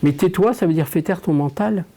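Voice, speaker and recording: A man's voice: sits high, a little fast, dark tone. Chatty French man speaking as a medium. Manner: chatty, joking, drops to a whisper. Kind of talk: public medium session.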